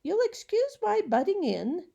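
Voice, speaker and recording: A woman's voice: extremely high pitch, very animated, a little slow, vocal fry, dark tone, lo-fi sound, pitched above the performer's own voice, heavily acted. A woman voicing a cheerful, odd little old man in a storybook who talks politely and eagerly. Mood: chatty.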